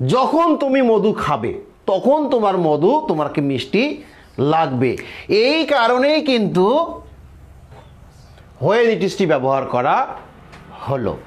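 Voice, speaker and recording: A middle-aged man with a Bangladeshi accent, an English grammar teacher and board examiner, teaches in a didactic classroom style, repeating phrases and asking check questions. His voice is high and very animated, delivered slowly with long pauses.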